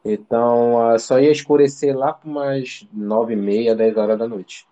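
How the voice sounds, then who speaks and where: A man's voice: medium pitch, fairly even intonation, measured pace, mellow, dull audio. A man from Brazil in casual interview chat, telling a story in a slangy, rambling way full of fillers and restarts. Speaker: interview guest. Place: living abroad in Ireland.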